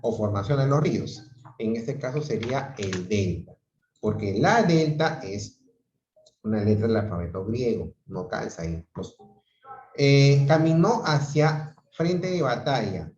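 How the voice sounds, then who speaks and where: A male teacher runs an online grammar class unhurriedly and deliberately, explaining patiently and pausing to check students follow with "¿ok?" and "¿no?". His medium-pitched voice is sing-song with a darkish tone, coming through roomy and a little muffled, like dull lo-fi video call audio.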